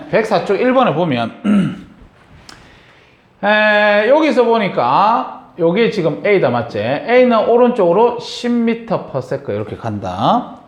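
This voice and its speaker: A man's voice: sits high, roomy sound. A man teaching a science class, lecturing and often checking in with his students. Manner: lively, asks students frequent check-in questions.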